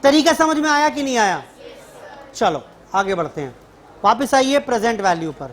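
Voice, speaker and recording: A male math teacher gives a relaxed, teasing lecture to his class. His voice sits high, and a faint hum of room ambience hangs under it. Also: normal speed. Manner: casual, joking teacher who calls students beta.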